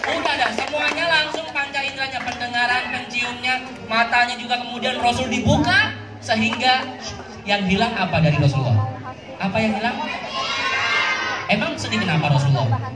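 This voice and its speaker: Through heavy background noise, a woman with a fairly high voice tells a religious story to children at a moderate pace, questioning them and repeating key words. It's an outdoor mosque yard event over loudspeakers, with a distant, echoey PA, crowd and music.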